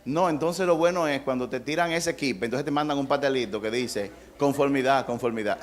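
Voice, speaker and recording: A man's voice: medium pitch, fairly quick, slight background noise. A middle-aged male pastor preaching a sermon in a conversational way, acting out quotes and adding humor.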